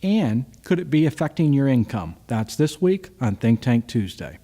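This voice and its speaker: A man's voice: medium pitch, big pitch swings, normal speed, heavy background noise. A male host telling a story and asking the viewer rhetorical questions in a chatty, scripted business talk.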